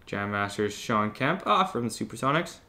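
Casting: laid-back young Canadian man, lowish bright voice, card-breaking co-host. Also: big pitch swings, moderate pace. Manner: laid-back, reads out names with short verdicts. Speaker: co-host of a card-opening channel. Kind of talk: casual chat while opening trading cards.

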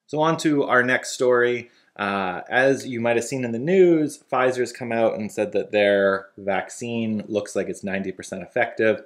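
A man in his thirties co-hosting a casual news chat from a living room couch, talking in a relaxed, easygoing way. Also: medium pitch, moderate pace, few pauses. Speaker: co-host.

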